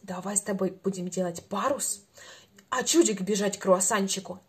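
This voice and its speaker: A woman in her twenties over-enunciating in an animated, sing-song, encouraging way as she leads a playful speech lesson for a small child. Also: mid-range voice, normal speed, husky. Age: 20s.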